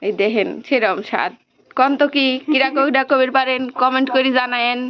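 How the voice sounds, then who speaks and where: In a relaxed vlog tour spoken in regional dialect, a woman with a Pabna Bengali accent talks straight to her audience while cooking picnic food at home. She sounds chatty, her voice sitting high, fairly quick and smooth over lo-fi audio.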